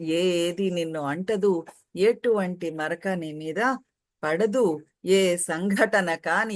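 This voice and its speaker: A woman giving a calm, explanatory spiritual talk, reciting Sanskrit verses and acting out everyday quotes. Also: fairly low pitch. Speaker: spiritual teacher translating commentary. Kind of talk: spiritual discourse.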